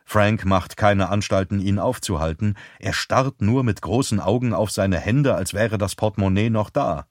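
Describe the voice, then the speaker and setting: Brief: steady male audiobook narrator, deep, dry studio sound. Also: normal speed, few pauses, no echo. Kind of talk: scripted narration.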